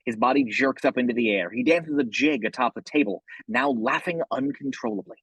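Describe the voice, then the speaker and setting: A man with a husky voice reading scripted horror narration, describing the action scene by scene. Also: mid-range voice, fairly quick, fairly bright tone, dry recording, low-quality recording.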